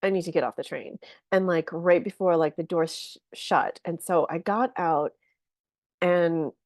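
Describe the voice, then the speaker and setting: A woman guest on a podcast, telling a long personal story in a casual, animated way with lots of fillers and laughter. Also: lowish voice, unhurried, dry recording, clean studio sound. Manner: animated, chatty, many fillers, laughs often.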